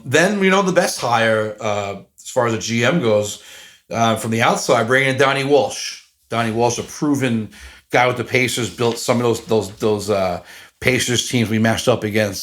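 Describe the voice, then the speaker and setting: His voice is on the low side but fairly bright in tone. He's a podcast host in his forties giving a casual solo monologue that rambles, turns self-deprecating, and is full of fillers and restarts.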